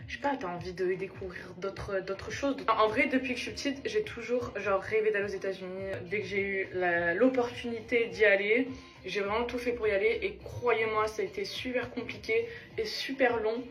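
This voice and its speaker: Young woman from Monaco, slangy get-ready-with-me vlogger, mid-pitched, faint music underneath. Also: normal speed, a bit bright, poor audio. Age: young adult. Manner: chatty and slangy. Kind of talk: casual get-ready-with-me chat.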